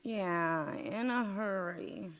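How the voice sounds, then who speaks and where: In the style of an old-time radio sitcom, a woman plays a frazzled, hapless housewife swamped by a cooking disaster, trading dry comebacks and flustered wails, sounding dazed and muddled. Her mid-range voice is fairly bright and very slow. It's a live stage performance in a large indoor hall, recorded with the echo of a community theatre stage.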